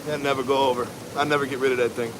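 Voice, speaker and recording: American man chatting over loud windy noise. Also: mid-range voice, little pitch movement. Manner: laid-back, rambling, slangy. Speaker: livestream host, barber. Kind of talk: casual livestream chat. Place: outdoors at home during a windy storm. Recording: noisy outdoors, loud wind and ambience. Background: wind and rushing water ambience.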